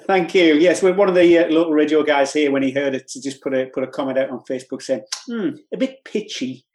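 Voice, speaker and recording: A man's voice: on the high side, little pitch movement, fast talker, a little mellow. An older man from North East England, a regional TV presenter, telling stories as a guest on a podcast. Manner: rambling storyteller with many restarts. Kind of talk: casual podcast chat.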